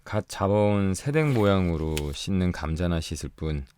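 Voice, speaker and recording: A man narrating an audiobook for sleep in a calm, soft storytelling voice. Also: low-pitched, moderate pace, a little hiss or hum. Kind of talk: bedtime audiobook reading.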